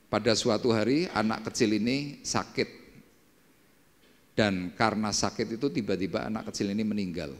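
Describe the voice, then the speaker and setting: A male pastor preaching a sermon and telling a story dramatically, swinging between hushed and emphatic lines. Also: on the low side. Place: church service hall. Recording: echoey church hall with faint music.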